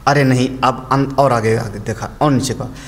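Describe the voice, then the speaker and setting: A man's voice: medium pitch, steady tone, normal speed. An older man, a swami, giving a storytelling commentary on scripture and explaining Sanskrit phrases.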